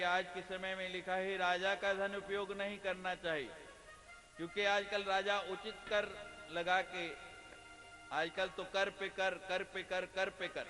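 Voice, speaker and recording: A man with a high-pitched, sharp-toned voice preaches a devotional discourse, weaving funny stories and jokes together with questions for his audience. The recording carries a long hall reverb and faint music.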